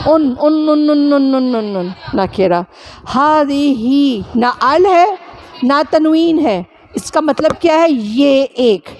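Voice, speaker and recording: Teacher lady from pakistan, high voice, keeps repeating sounds and quizzing the class. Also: slight background noise. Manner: drills students with repeated sounds and quick questions. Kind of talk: classroom grammar lesson.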